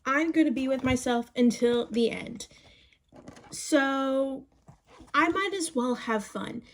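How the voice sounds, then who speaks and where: A young woman of around twenty, with a high voice and a slow pace, gives chatty, supportive advice to her phone camera, calling viewers "babes" and "you guys." A little background noise is audible.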